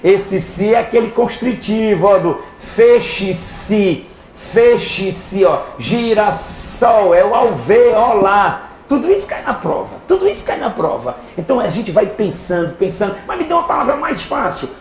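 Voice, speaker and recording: High-voiced man teaching in an echoey hall. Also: moderate pace, few pauses. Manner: lively, asks the class questions and answers them himself. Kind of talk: live exam-prep class. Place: lecture hall with students. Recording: echoey hall with faint background noise.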